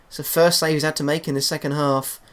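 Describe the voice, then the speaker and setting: A man commentating over his own football video game, calm and low between plays and bursting into loud excitement at goals. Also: quick pace. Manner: excitable, shouts goals then drops to a low murmur. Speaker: gaming YouTuber.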